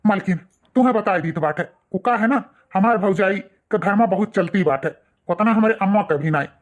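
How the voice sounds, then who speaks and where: A woman's voice: medium pitch, a little fast, lo-fi sound, lightly acted. A woman voicing a young village husband in an Awadhi cartoon, placating and lecturing his wife in rustic dialect. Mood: advising. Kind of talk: cartoon dialect comedy acting.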